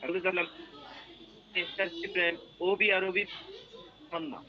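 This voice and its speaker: A man's voice: high-pitched, flat delivery, normal speed. A male teacher giving an online class, his voice cutting in and out in a choppy buffering stutter over a video call. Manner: questioning, checks understanding often. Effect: choppy buffering stutter from a bad connection. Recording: muffled video call with faint noise.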